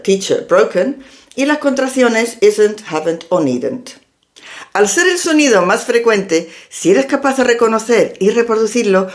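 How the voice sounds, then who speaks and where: A woman teaches a language lesson, laying out each step clearly and methodically. Her pitch rises and falls in a lively, animated way as she explains. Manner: clear, step-by-step instructive delivery. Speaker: English teacher and linguist.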